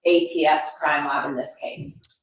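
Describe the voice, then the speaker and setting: A woman lawyer with a low voice asks brisk, formal questions that sound like they come through an echoing tube. Her voice sits far from the microphone, and the courtroom's heavy echo hangs on every word. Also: fairly even intonation. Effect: sounds like talking through an echoing tube. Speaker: prosecutor. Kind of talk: direct examination of a witness. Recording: echoey courtroom audio from a distant mic.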